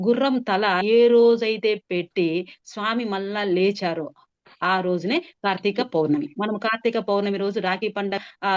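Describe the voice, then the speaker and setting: A woman telling a devotional story in an unhurried, chatty way, explaining as she goes with many filler sounds. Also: fairly low pitch, no room sound. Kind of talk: conversational religious storytelling. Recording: dull, dry sound.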